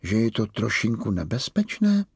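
A man's voice: fairly low pitch, wildly swooping pitch, a little mellow, breathy edge, no room sound, studio quality, heavily acted. A man doing a curious little Moomintroll. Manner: curious, timid questions. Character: small, curious young troll boy.

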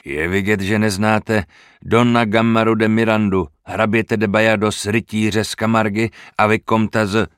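Man reading a grim pirate captain for an audiobook, low and menacing, dry sound. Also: little pitch movement, fairly bright tone, clear, resonant tone, no echo, close to an everyday voice. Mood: proud.

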